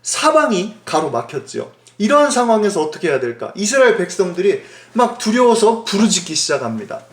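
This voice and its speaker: A male pastor telling a Bible story in a Sunday school sermon, animated and often asking his listeners questions, in an echoey room. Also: sits high, fairly quick.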